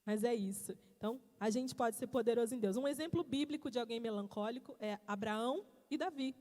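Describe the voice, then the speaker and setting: A woman preaching a church sermon on marriage, animated and laughing as she tells stories. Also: a little high, a little fast. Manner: animated, storytelling, laughs often. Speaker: pastor's wife preaching. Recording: church hall reverb.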